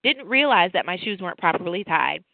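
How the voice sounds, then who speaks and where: A woman co-hosting a faith talk show, telling a lively personal story and drawing a lesson from scripture. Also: lowish voice, a little fast, gravelly, a little hiss or hum. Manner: storytelling, animated, preachy asides. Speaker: podcast co-host. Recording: tinny phone-like line, dry.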